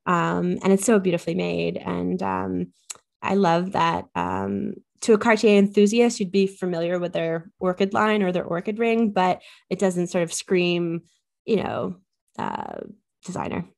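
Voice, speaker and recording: A woman's voice: on the low side, very animated, measured pace, vocal fry, a little mellow. Chatty woman guest with frequent ums. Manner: chatty, many ums, enthusiastic. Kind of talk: casual podcast interview.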